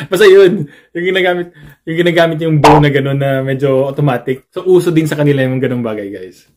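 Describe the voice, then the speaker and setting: A man's voice: a little high, background noise. A man in his thirties from the Philippines, a nurse, talking casually to viewers in a vlog, switching between Tagalog and English and calling out to his audience as "guys" again and again. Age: 30s.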